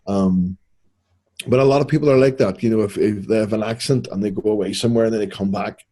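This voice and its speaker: A middle-aged man with a Belfast accent, co-hosting a podcast in relaxed, rambling casual chat. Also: lowish voice, fast talker. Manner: relaxed, rambling, self-correcting. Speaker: podcast co-host.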